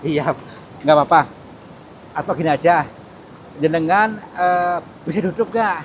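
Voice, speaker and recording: Nervous high-voiced man, noisy outdoors. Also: normal speed. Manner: nervous, pleading, repeats words many times. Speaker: mystic vlogger. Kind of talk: hushed ghost-hunting commentary. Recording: loud rumbling background noise.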